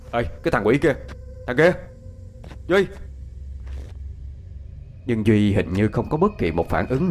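A man tells a ghost story, his lowish voice swinging lively through the drama. Quiet music plays under his narration. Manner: expressive, animated storytelling. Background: faint music.

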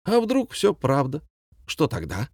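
A man's voice: mid-range voice, very animated, normal speed, a little mellow, no room sound, studio quality, voice pushed up. A man voicing a boastful, pompous middle-aged male former theatre director who talks in grand, theatrical phrases, as a commandant in an audiobook. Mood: scheming. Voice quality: grandiloquent, theatrical, rhyming speech.

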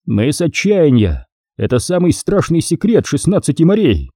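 A man's voice: fairly high pitch, big pitch swings, normal speed, dark tone, no echo, studio quality, pitched above the performer's own voice. Man reading as a grave navy admiral. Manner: grave, explanatory. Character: grim explaining navy admiral, calm and grave.

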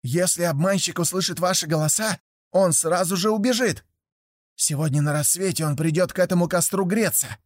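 Man doing a sly, high-voiced trickster hare. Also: a little fast, no echo, clean studio sound, natural voice. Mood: mock-polite. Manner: smooth, mock-courteous. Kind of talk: storybook reading.

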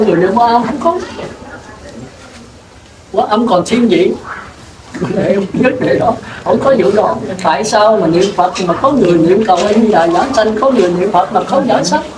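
Monk preaching from a distance in a roomy hall. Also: male voice, sits high. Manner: plain-spoken, rhetorical questions to the audience. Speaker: Buddhist monk. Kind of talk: sermon. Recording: roomy, distant mic with clear noise.

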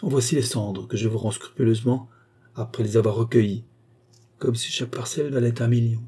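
A man reading aloud and voicing a cunning male count, a smooth mystic adventurer, in a persuasive, confidential manner. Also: medium pitch, a little fast, dark tone, lightly acted. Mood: assured.

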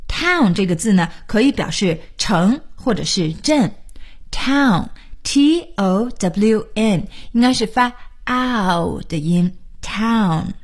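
A woman's voice: mid-range voice, animated, unhurried, hardly any pauses, slightly rough. A woman hosting a studio radio lesson, patiently explaining words and spelling them out letter by letter. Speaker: radio English teacher.

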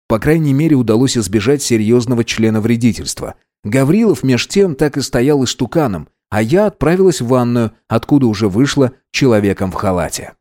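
A man narrating a fantasy audiobook in the first person, even and measured. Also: medium pitch.

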